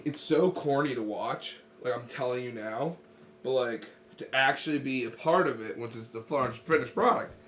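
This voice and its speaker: A man's voice: mid-range voice, moderate pace, slight background noise. A man with a nasal voice, explaining step by step in casual talk how he records and edits his own song. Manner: relaxed, explaining each step with fillers.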